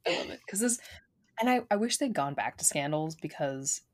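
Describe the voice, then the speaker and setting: A woman co-hosts a casual podcast, her voice sitting very low for a woman. She talks loosely, laughing often and filling gaps with "like" and "um.". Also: animated, normal speed. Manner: chatty, laughs often, lots of fillers. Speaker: podcast co-host.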